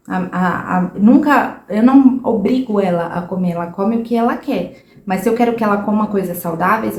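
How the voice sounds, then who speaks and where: A woman's voice: on the high side, a little mellow, a little hiss or hum. A woman with a Brazilian Portuguese accent, a mother giving parenting advice in casual talk to camera, emphatic and full of rhetorical questions. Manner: emphatic, keeps asking "entendeu?" and posing rhetorical questions. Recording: echoey room.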